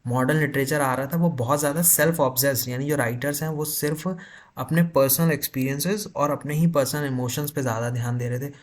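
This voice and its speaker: Guy teaching lit for an exam, explains in hindi, reads slow. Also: mid-range voice, fairly even intonation. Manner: explains in Hindi with English terms, reads English notes slowly. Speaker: English literature teacher. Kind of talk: exam-prep lecture.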